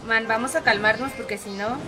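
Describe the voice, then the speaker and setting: A young Mexican woman with a Mexican Spanish accent streaming a game, excitable and giggly as she banters with her teammates. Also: on the high side, fairly quick, over music. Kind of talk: live gaming commentary.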